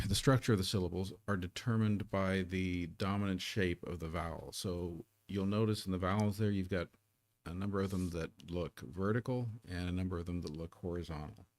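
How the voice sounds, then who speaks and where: Speaking in a low voice with a darkish tone, a man who is a native English speaker gives a live Korean lesson at his streaming desk. He is casual and self-deprecating, repeating words while he gets set up.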